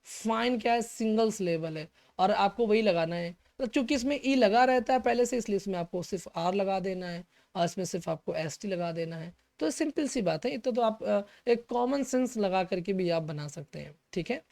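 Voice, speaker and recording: A man teaching an English grammar lesson for exam students. He explains step by step, asks questions and answers them himself, checks in with "okay" after each point, and slows down to spell out key English terms. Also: sits high, lively intonation, creaky, a little mellow.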